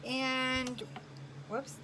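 A woman's voice: high voice, flat delivery, very slow, noisy background. A woman chatting to her viewers while cooking in her home kitchen, narrating each step and apologizing for slips. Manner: chatty, self-correcting, talks to viewers while working. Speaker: cooking vlogger. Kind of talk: casual cook-along chat. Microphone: camera on counter, speaker off to the side.

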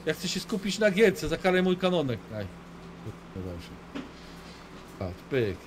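A male streamer gives rowdy live commentary on his match, swearing and mocking people without pause. His voice sits a little high and swings widely in pitch, full of animated rises and drops. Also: slight background noise. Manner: crude, swears constantly, banters and mocks.

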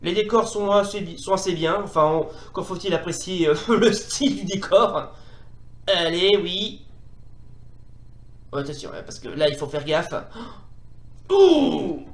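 Man, high voice, excitable game commentary, reverberant room. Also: measured pace, pauses often. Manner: excitable, exclaims often, laughs, repeats himself. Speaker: retro game reviewer. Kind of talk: playing while commentating.

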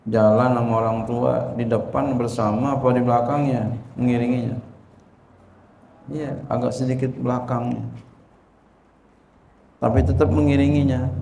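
A man's voice: mid-range voice, warm tone. A man teaching a religious lesson, repeating questions to his listeners and answering them himself. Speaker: Islamic teacher. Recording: echoey room with faint noise.

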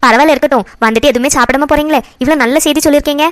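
A woman's voice: sits high, racing, dry recording, studio quality, natural voice. A woman voicing an anxious, pleading cartoon mother. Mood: hospitable. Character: middle-aged mother, anxious and emotional.

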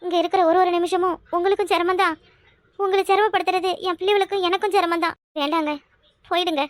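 A sorrowful cartoon mother, played by a woman speaks. Her voice is very high and quick, and it sits dry and close to the mic. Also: steady tone, no echo. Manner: tearful, earnest pleading. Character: loyal wife and mother, sorrowful but firm. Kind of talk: cartoon voice acting.

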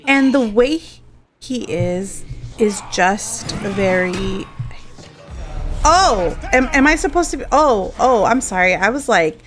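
A woman's voice: mid-range voice, animated, takes it slowly, soft background music. A woman in her thirties streaming a game, chatting casually and rambling, often breaking off mid-sentence. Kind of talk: casual gameplay chat.

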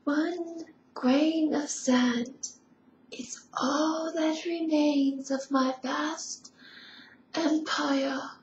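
Lady doing a high breathy little empress, all weepy and dramatic, echoey dull room sound. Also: fairly even intonation, very slow, a little hiss or hum. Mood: hushed. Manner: overwrought, sobbing delivery. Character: ethereal child empress, breathy and pleading.

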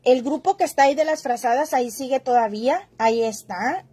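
A woman's voice: high-pitched, a little fast, warm tone, breathy edge. A woman, hosting a casual gossip livestream, chatting and greeting viewers by name as she reads their comments aloud.

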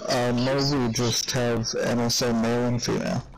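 Gravelly, hesitant guy in game chat. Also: medium pitch, completely flat delivery, crowd noise, poor audio. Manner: hesitant, many pauses and fillers. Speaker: gamer. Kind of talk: casual gaming chat.

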